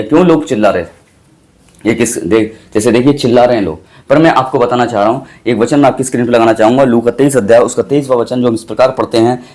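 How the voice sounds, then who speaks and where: A man's voice: medium pitch, darkish tone. A pastor preaching, repeating his points with restarts and exclamations. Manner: preachy, repeats lines with many restarts and hallelujahs. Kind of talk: sermon.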